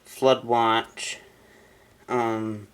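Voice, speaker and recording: In a relaxed unboxing video, a man works out the settings on a weather radio, voicing each menu choice before settling on one. His medium-pitched voice is level and very slow, with background noise present.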